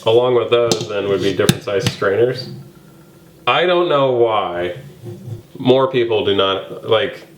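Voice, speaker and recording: A man's voice: lowish voice, unhurried, reverberant, noisy background. A man co-hosting a casual kitchen tour, talking in an opinionated, playful way. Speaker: home cook and co-host.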